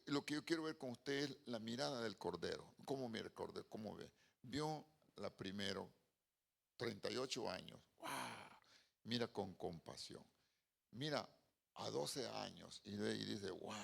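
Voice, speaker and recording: A male pastor preaching a sermon, moving from quiet storytelling to loud, drawn-out exclamations. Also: on the low side, gravelly.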